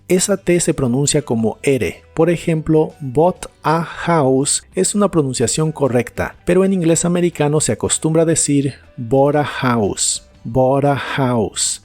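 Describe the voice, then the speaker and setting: A man narrating a scripted English lesson, slowing down to repeat each English word carefully for pronunciation. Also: fairly high pitch. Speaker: English teacher. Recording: soft music behind the voice.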